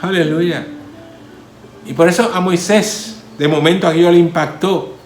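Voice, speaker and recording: A male pastor preaching in a sermon style, his voice sitting a bit high for a man. He breaks in with hallelujahs and swells loud, then drops soft. The sound is echoey, with a faint guitar playing behind him. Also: fairly even intonation, measured pace. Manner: preaching with repeated hallelujahs, swelling and falling in force.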